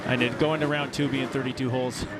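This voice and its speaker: A man's voice: medium pitch, level tone, fast, over a noisy crowd. A man giving conversational motocross analysis as a color commentator at a racetrack. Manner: casual, conversational.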